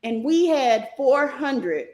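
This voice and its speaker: Woman, middle-aged, live class host, quick and animated, chatty, fairly high pitch. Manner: animated, fast talking; chatty, reacts to viewer comments. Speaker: stock market class host. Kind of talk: live online teaching.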